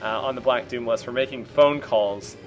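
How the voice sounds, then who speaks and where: A man's voice: medium pitch, normal speed, faint music behind. A man hosting a casual podcast, joking and laughing with his co-host.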